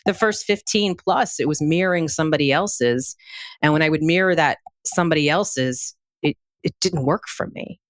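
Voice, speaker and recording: A woman's voice: deep voice, normal speed, no room sound. A woman speaking as an interview guest in a conversational, reflective way, explaining through examples and questions.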